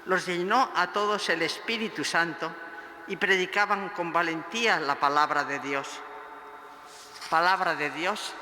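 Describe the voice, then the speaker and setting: Scripture and a psalm are read slowly and solemnly by a male lector in a large church, each phrase declaimed in a measured way. His voice is high and bright, and the echoey recording has long reverb with a faint hiss.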